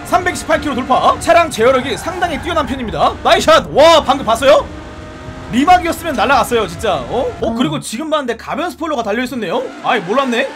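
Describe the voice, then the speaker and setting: A man giving excited, playful commentary while reviewing a car in a racing game, shouting at rival cars. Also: extremely high pitch, fast. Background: background music and engine sounds.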